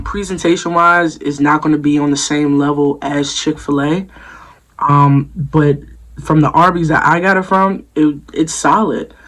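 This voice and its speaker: A man casually reviewing fast food for his vlog, easygoing and repetitive, with frequent ums. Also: fairly high pitch, a bit bright, poor audio. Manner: easygoing, repeats himself, lots of ums and "me personally".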